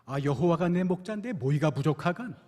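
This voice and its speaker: Man putting on a booming, folksy Pyongan-dialect voice, high-pitched, in a reverberant church hall. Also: lively intonation, a little fast. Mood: hearty. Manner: loud, folksy, emphatic. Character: hearty North Korean-dialect man reciting a psalm.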